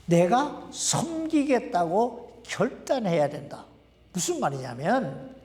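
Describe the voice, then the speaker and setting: Animated pastor preaching in an echoey church. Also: male voice, sits high. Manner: conversational preaching, asks the congregation questions. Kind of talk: sermon. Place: church sanctuary. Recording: echoey hall, voice from a distance.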